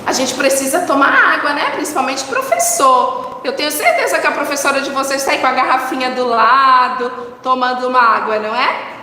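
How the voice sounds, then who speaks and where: A woman's voice: high-pitched, lively intonation, fairly quick, pushed and bright. A woman with a Brazilian Portuguese accent teaching a recorded lesson for children, coaxing them along by asking questions and answering them herself. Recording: echoey room with long reverb, faint noise.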